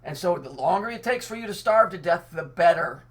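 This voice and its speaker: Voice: mid-range voice, lively intonation, a little fast. A commentator giving an angry monologue, reading out news and cutting in with sarcastic, profane remarks. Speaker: online commentator.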